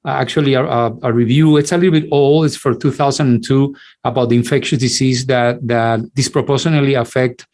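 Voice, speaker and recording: A Cuban infectious disease physician, whose first language is Spanish, gives an online lecture in a halting way, restarting often and repeating words. His mid-range voice is steady in tone and a little mellow.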